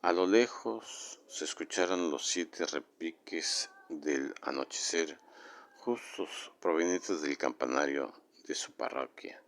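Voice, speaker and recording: A man from Mexico City with a Mexican accent, reading a horror legend aloud in a measured, dramatic way. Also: a bass voice. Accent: Mexican Spanish. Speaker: storyteller.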